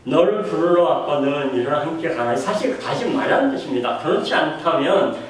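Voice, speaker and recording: A man's voice: fairly high pitch, animated, normal speed. A man delivers a sermon as a pastor, questioning his listeners and acting out the voices he quotes. He stands some way from the microphone, and his words ring through a strongly echoing hall with a faint hum of room noise underneath. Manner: asks the congregation questions and acts out quoted voices. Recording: echoey room heard from a distance.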